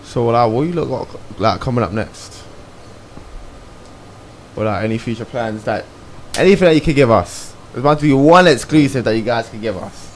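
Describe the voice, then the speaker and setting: A man's voice: mid-range voice, normal speed, poor audio. A young man with a London accent hosting a casual, slangy interview full of banter. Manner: animated, slangy. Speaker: interviewer, host. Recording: faint background noise.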